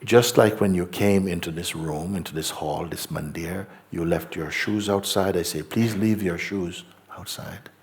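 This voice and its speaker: A middle-aged man, a spiritual teacher, gently and slowly guiding a meditation talk in a hall before a live audience. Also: deep voice. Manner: slow, gentle, repetitive, hesitant.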